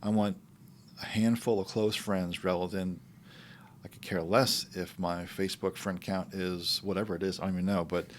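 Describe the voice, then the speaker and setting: Man, deep low voice, podcast host, easygoing and halting, faint noise. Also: flat delivery. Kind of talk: casual conversational podcast.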